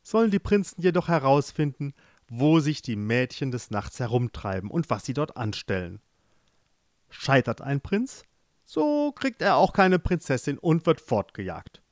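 Guy doing a cranky shouty king, fed up, voice jumps all over. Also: mid-range voice, huge pitch swings, a little slow, no echo, clean studio sound. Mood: scheming. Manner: shouting, exasperated. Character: irritable blustering middle-aged king.

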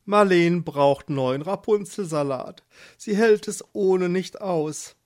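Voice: medium pitch, takes it slowly, a little mellow, pitched above the performer's own voice, lightly acted. A narrator voicing a worried young husband in a storybook, earnestly persuading. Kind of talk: storybook reading.

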